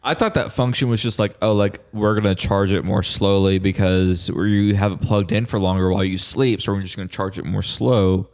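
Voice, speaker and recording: Low-voiced jokey Texan man. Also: fairly even intonation, normal speed, hardly any pauses, darkish tone. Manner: jokey, rambling, breaks into silly impressions. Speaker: podcast co-host. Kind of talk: casual chat.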